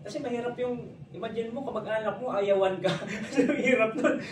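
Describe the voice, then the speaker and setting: Filipino guy, high voice, chatty business pitch, echoey room w noise in the back. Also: a little fast. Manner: chatty storytelling, jokes and laughs often. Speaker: network marketing presenter. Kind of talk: business opportunity presentation. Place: presentation room. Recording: echoey room, distant mic, background noise.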